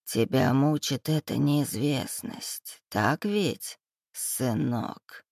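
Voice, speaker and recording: A reader voicing a cruel, dying older man bound to a bed, hoarse and sneering, in an audiobook. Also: mid-range voice, drawn-out words, a little mellow, no echo, studio quality, pitched below the performer's own voice, full character voice. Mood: taunting. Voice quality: hoarse, wheezing. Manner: sneering, hissing, gloating. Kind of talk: audiobook character voice.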